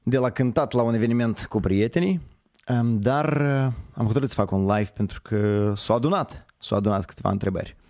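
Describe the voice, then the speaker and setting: A man with a hoarse voice hosting a live online show, talking in a rambling, conversational way and correcting himself as he goes. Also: medium pitch, a little mellow, dry recording, clean studio sound. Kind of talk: casual live-stream commentary.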